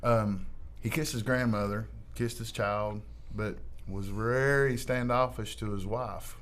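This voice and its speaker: A man's voice: on the low side, unhurried, a little hiss or hum. A man co-hosting a casual podcast, talking about old fights with friends and laughing often. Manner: laughs often, animated banter. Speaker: podcast co-host.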